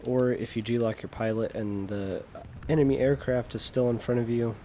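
A man's voice: mid-range voice, fairly even intonation, moderate pace, darkish tone, a little hiss or hum. A young American man giving casual, self-deprecating commentary over gameplay, often trailing off mid-sentence. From United States. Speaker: gaming video creator.

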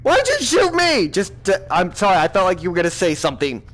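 High-voiced man, mock-stern. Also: wildly swooping pitch, a little fast, fairly bright tone, a little hiss or hum. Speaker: gamer playing a villain boss. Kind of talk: comedic gaming role-play.

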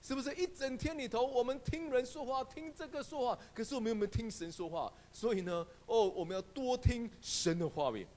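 A male pastor preaching a sermon, telling a story with animated delivery and acting out the voices of the people in it. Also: very high-pitched, fairly quick, few pauses.

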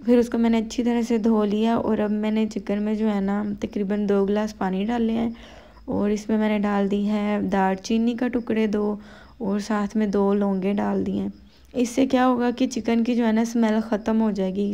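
A tired woman from Pakistan with a Pakistani Urdu accent, talking slowly and quietly through her cooking vlog voice-over at home late at night. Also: mid-range voice, level tone, gravelly. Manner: slow, quiet, unhurried talk, full of "you know" fillers. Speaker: vlogger.

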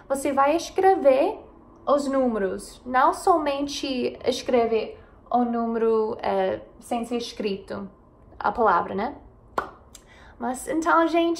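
High-pitched young American woman teaching. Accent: American English accent in Portuguese. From United States. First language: English. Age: young adult. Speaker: English teacher and channel host. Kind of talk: bilingual language lesson to camera. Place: indoors beside a whiteboard.

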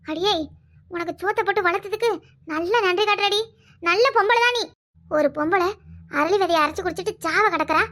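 This is a distraught village wife from a cartoon, voiced by a woman, wailing and pleading in a thick Kanyakumari Tamil accent. Her voice sits very high and sounds bright and tense, and she scolds as readily as she cries. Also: fairly quick, pauses often. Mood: scolding. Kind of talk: cartoon voice acting.

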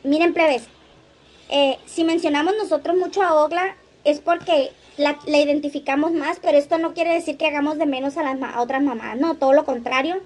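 A woman's voice: high voice, fairly even intonation, fairly quick, darkish tone. A woman hosting a casual livestream, chatting, laughing often and reading viewers' comments aloud. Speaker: livestream host.

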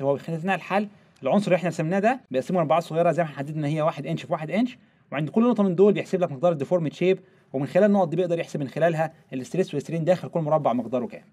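A young man with an Egyptian Arabic accent, teaching a screen-recorded software lesson step by step and mixing in English technical terms. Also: fairly high pitch. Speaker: software tutorial instructor.

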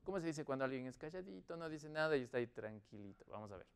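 A man teaching English to Spanish-speaking learners in an online lesson. He drills words and model sentences, saying them slowly and repeating them between quicker explanations. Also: medium pitch, animated, creaky, smooth.

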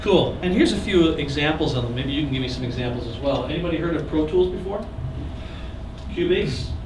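A recording clinic instructor in his thirties talks a little fast in a fairly high, expressive voice, gesturing as he explains equipment and joking with his audience seated in a small classroom. A camera at the back of the room captures him from a distance in an echoey, noisy space.

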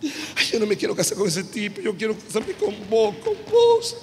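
A shrill, hysterical young bride rants in a high, swooping voice and sobs through her complaints. Her cries ring out in a reverberant church hall. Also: huge pitch swings, vocal fry, a little mellow, heavily acted. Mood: whiny. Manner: shrieking, sobbing, rapid complaints. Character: frantic young bride Ruth, shrill and indignant.

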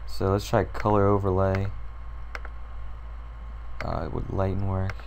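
A young man with a deep, low voice made hoarse by a sore throat works through a computer design tutorial, rambling and thinking aloud with lots of ums and uhs as he clicks. He speaks slowly in a level tone, and the muffled recording carries a faint hiss.

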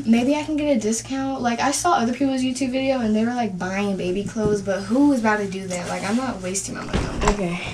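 A woman's voice: a little high, fast talker, few pauses, heavy background noise. A woman vlogging casually to her viewers from a handheld phone camera, chatty and self-conscious, with plenty of "like" and some swearing. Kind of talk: casual prank vlog. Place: in a car and then walking through a big store.

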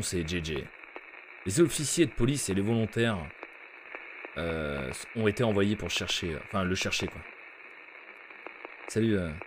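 A man's voice: fairly low pitch, noisy background. A man giving live gameplay commentary as a streamer, chatty, swearing and greeting viewers in chat by name. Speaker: gaming streamer.

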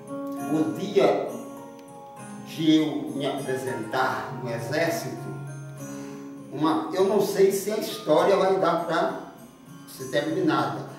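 Older Paraíba man, slow earnest memoir, roomy echo, guitar behind, mic at a distance. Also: a little high. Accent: Northeastern Brazilian, Paraíba. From Brazil, Paraíba. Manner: rambling, earnest, with frequent "né?" asides. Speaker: storyteller recounting his life. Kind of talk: slow, emotional spoken memoir. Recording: echoey room, distant mic, guitar music. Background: guitar music.

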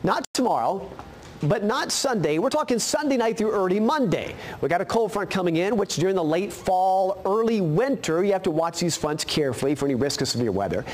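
An American male TV weather forecaster talks conversationally. His pitch is high and moves around a lot as he explains. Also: animated, brisk.

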